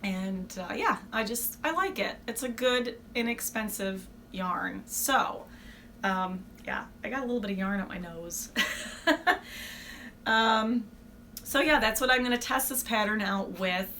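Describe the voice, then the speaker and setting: A woman's voice: mid-range voice, moderate pace, a bit bright, a little hiss or hum. A woman hosting a casual, unscripted craft podcast, chatting in a rambling, self-deprecating and informal way. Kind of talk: casual, unscripted video podcast chat about knitting.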